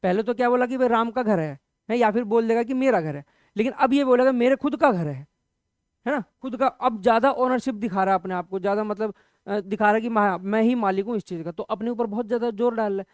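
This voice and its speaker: A man's voice: high voice, clean tone, no room sound, clean studio sound. A man teaching a Hindi grammar lesson for exam preparation, explaining patiently and checking in with his students after nearly every point. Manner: conversational, repeats examples slowly. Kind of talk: exam-prep grammar lecture.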